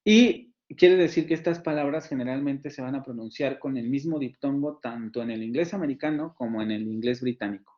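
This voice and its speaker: Male phonetics lecturer, Mexican Spanish accent, mid pitch, patient and repetitive, slightly dull lo-fi audio. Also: darkish tone. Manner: explanatory, repeats example words slowly, frequent fillers. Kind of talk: online lecture to students.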